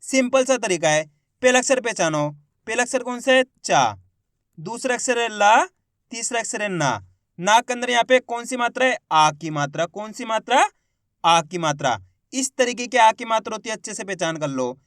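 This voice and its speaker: High-pitched man teaching reading. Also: expressive, fairly bright tone, no room sound, studio quality. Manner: drawn-out syllables, asks and answers himself. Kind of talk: beginner reading lesson.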